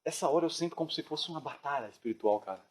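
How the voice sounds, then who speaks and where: A man earnestly retelling a dream in casual storytelling, often dropping his voice to a hush. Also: fairly high pitch, animated, racing. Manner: earnest, drops to hushed tones when reliving tense moments. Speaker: dream narrator.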